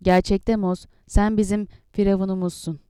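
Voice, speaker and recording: Earnest young warrior guy pleading his case, read by a woman, mellow voice. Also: medium pitch, little pitch movement, normal speed, smooth, no room sound, studio quality, close to an everyday voice.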